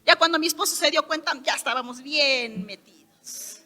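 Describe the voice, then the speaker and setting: High-voiced Mexican woman preaching emphatically. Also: brisk. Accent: Mexican Spanish. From Hidalgo, Mexico. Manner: emphatic, rising to loud declarations. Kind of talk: sermon testimony. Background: soft keyboard music.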